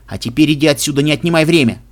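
A man voicing a frantic middle-aged doctor who talks loudly and brusquely in an audiobook reading. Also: a little high, lightly acted. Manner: loud, hurried, brusque.

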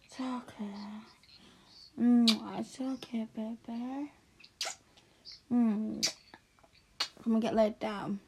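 A woman speaking softly and soothingly in an ASMR caregiver roleplay, slipping into hushed whispers. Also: a little high, fairly even intonation, noisy background. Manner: soft, soothing, slow and hushed, often drifting into whispers.

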